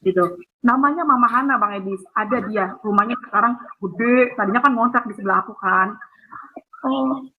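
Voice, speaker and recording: A woman from Jakarta with a Betawi accent, telling her personal testimony in an animated way over a phone call. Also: a little high, normal speed. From Jakarta, Indonesia. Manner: animated storytelling, acting out others' lines. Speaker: guest giving a testimony. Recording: tinny phone line with faint noise.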